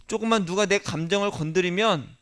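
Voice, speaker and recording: Male pastor, high-pitched, sermon delivery that shifts between hushed and forceful lines. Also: brisk. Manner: rhetorical questions to the congregation, swings from soft to emphatic.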